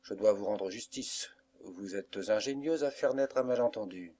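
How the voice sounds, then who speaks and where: Low-voiced disdainful nobleman for an audiobook, read by a man. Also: normal speed, mellow, close to an everyday voice. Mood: cold. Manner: cold, disdainful. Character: stern scheming nobleman, middle-aged man. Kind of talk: audiobook reading.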